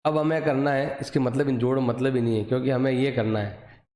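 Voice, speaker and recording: Here a math teacher with a Hindi accent explains a lesson in steps, quizzing himself aloud and supplying the answers. His mid-range voice is steady and a little mellow, and he moves briskly. Echo fills the room as his voice drifts from the mic.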